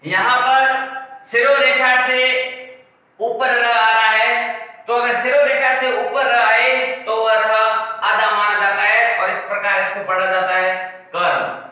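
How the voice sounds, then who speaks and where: A male teacher giving a grammar lesson, deliberately repeating each rule and working through examples one by one. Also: high-pitched, level tone, pushed and bright. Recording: echoey room, mic far off.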